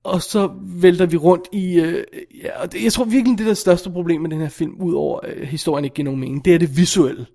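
A man in casual film review chat, animated and exasperated as he talks. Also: sits high, gravelly, few pauses.

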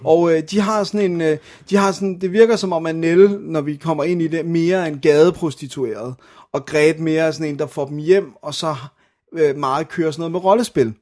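A man co-hosting a relaxed film chat, walking through a plot at length. He talks slightly high and pauses to search for words. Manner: explains plots at length, hesitant. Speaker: podcast co-host. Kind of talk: casual film-review chat.

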